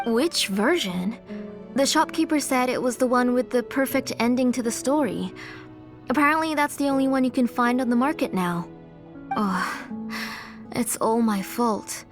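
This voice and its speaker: A woman's voice: on the high side, normal speed, close to an everyday voice. A woman playing an earnest, devoted auntie who blames herself, in a video game. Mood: apologetic. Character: earnest, self-blaming, devoted older auntie. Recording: music behind the voice.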